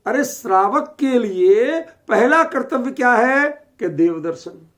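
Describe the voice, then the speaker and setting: In an extremely high, expressive, slightly bright voice, a man teaches scripture at a slow pace with a Delhi Hindi accent. He repeatedly stops to ask whether his listeners follow what he's saying.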